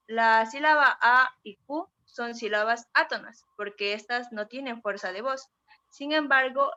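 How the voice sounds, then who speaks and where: Young woman, formal class presentation read from notes, fairly high voice, lo-fi recording. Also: bright, forceful tone. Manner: formal, explanatory. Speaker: student presenter. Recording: dull lo-fi audio.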